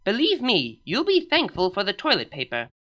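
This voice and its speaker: A woman's voice: mid-range voice, wildly swooping pitch, normal speed, fairly bright tone, pitched above the performer's own voice. A woman voicing a blunt, proud alicorn princess with a matter-of-fact, slightly pompous delivery. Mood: indignant.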